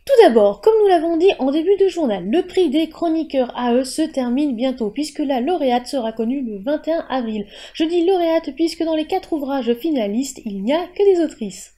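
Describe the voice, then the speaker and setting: A woman's voice: high-pitched, expressive, moderate pace, few pauses, dark tone. A woman hosting a monthly book news show, reading in a scripted news style with playful whispered asides.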